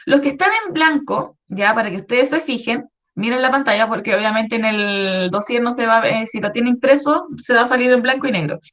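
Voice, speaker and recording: In a fairly high, fairly bright voice, a woman with a Chilean Spanish accent teaches history to schoolchildren online, speaking briskly with few pauses. She explains patiently, often checking they follow with things like "¿ya?".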